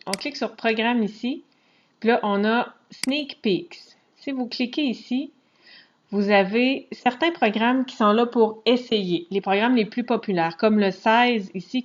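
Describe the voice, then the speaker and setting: A woman with a Quebec French accent giving a casual, chatty screen walkthrough tutorial, pausing often to hesitate as she talks. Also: mid-range voice. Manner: chatty, relaxed, frequent hesitations. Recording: dull lo-fi recording.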